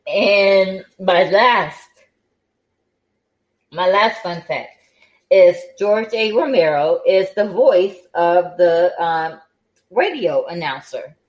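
Slow, tired woman podcast host. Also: lowish voice, lively intonation, dull audio. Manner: unhurried, with many fillers and restarts. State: tired and yawning. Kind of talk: casual podcast chat.

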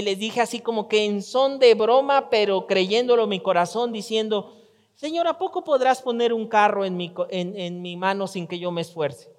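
High-voiced man preaching in a church hall. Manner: conversational preaching with acted-out quotes. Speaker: pastor. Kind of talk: sermon.

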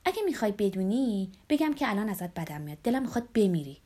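A woman's voice: expressive, dark tone. A woman playing a scornful jealous older woman. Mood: resentful. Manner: scornful, biting, raised pitch. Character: bitter jealous thin aging woman, sharp-tongued.

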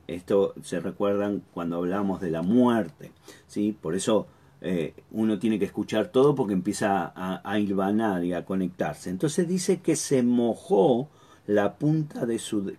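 A man teaching a Bible lesson, halting often, repeating words and checking in with the listener. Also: fairly low pitch, animated, warm tone.

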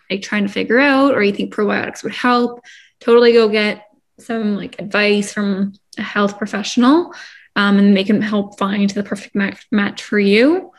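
A woman's voice: medium pitch, steady tone, unhurried. A young woman co-hosting a podcast in casual chat, talking in a chatty way with many "like" and "um" fillers. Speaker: podcast co-host.

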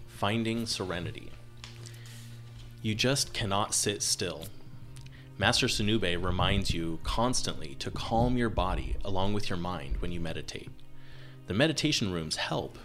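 A man narrating a tabletop role-playing game as game master, telling the scene in a relaxed way with many fillers. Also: on the low side.

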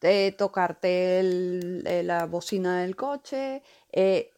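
Woman telling stories haltingly. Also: on the low side, fairly even intonation, darkish tone, clear, resonant tone. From Venezuela. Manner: halting, repeats words while storytelling. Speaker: podcast co-host. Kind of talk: casual chat.

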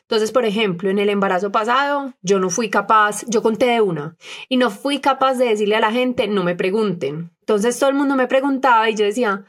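A woman's voice: fairly high pitch, brisk. A young woman, co-hosting a podcast and speaking candidly about personal matters, often acting out what others said. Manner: earnest, animated quoting of others. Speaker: podcast co-host.

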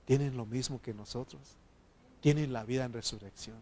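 A man's voice: medium pitch, normal speed, warm tone. A man preaching a sermon as pastor, fervently calling his listeners brother and putting questions to them. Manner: asks the congregation questions.

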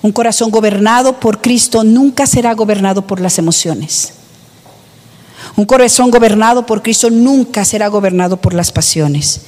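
A woman's voice: mid-range voice, moderate pace, darkish tone, in a large hall. A woman preaching a sermon, emphatic, with rhetorical questions to the congregation.

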